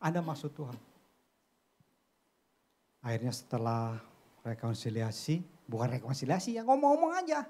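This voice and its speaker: Lively Indonesian-preaching man, swinging highs and lows. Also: normal speed, pauses often. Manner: casual street slang storytelling, big swings between low murmurs and high exclamations. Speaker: pastor. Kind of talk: sermon. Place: church.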